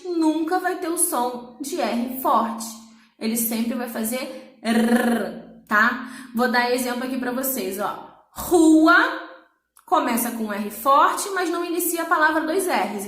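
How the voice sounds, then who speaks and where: A woman teaching a recorded language class with a high, bright voice. She explains step by step and keeps checking that her students follow. The sound carries an echo from the room. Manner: patient, explanatory, checks understanding with "tá?". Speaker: Portuguese teacher.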